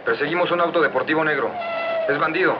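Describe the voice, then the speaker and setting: Give me a cop calling in a chase over police radio. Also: male voice, fairly high pitch. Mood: urgent. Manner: clipped, rapid radio call-outs. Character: male highway cop radioing a car chase. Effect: police radio transmission. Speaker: police officer. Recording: muffled lo-fi dub with loud noise.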